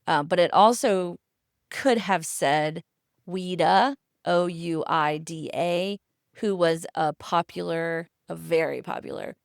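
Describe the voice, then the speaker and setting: Slow, low-voiced woman telling history casually. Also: vocal fry, no echo, studio quality. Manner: chatty and conversational, with asides. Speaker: podcast host.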